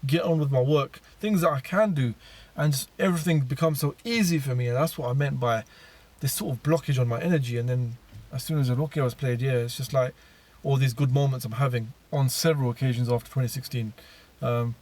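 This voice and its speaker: A man's voice: mid-range voice, fairly quick, few pauses, darkish tone. A man telling his personal story in a casual monologue, rambling with many fillers and restarts.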